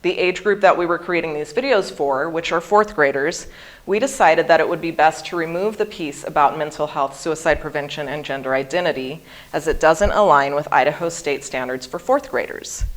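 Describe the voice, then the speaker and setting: With a low voice and ordinary pace, this woman from Hawaii, in her early forties, gives a prepared talk at a seminar as a guest speaker. Her pronunciation is careful and over-articulated, each word shaped precisely.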